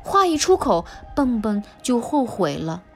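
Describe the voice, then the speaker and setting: A mother reading a children's picture book aloud to her kids, with an expressive, sing-song telling. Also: on the high side, measured pace, soft background music. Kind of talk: children's storybook narration.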